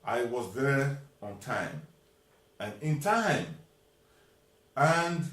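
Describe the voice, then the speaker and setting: A man's voice: mid-range voice, very slow, roomy sound. A man telling a personal story straight to camera, acting out both sides of an argument as he retells it. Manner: animated retelling, acts out both sides of a dialogue. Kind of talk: storytelling monologue.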